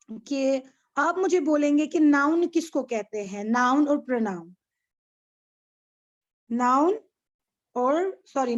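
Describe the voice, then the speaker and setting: A woman with an Indian accent and a high-sitting voice teaches an online class over a video call, the audio sounding dull. She is patient, repeats things, and asks her pupils questions to check their understanding.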